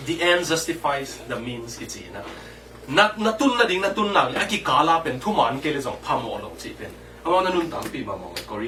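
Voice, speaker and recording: A man preaching a sermon with lively delivery, dropping English terms into his talk. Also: mid-range voice. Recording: distant mic with faint background noise.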